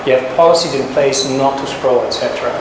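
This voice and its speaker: A man's voice: medium pitch, fast. Echoey, hesitant man defending a thesis. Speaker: doctoral candidate at thesis defense. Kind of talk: academic presentation and discussion. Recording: very echoey room, clear background noise.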